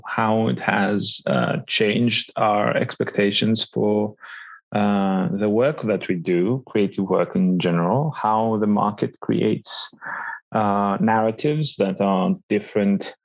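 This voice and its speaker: A man from Greece co-hosting a casual podcast, talking in a halting, thoughtful way with frequent pauses mid-sentence. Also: lowish voice, creaky, no room sound, dull audio. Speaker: podcast co-host.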